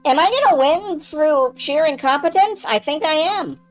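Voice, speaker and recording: Lively, high-voiced woman commentating on a game. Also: normal speed, low-quality recording. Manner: sweary, self-narrating. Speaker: let's play host. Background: game music.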